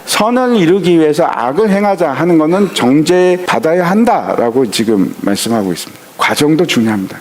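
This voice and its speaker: A man's voice: high-pitched, darkish tone. A male pastor preaching a sermon, who asks rhetorical questions, answers them himself, and acts out quoted scripture lines.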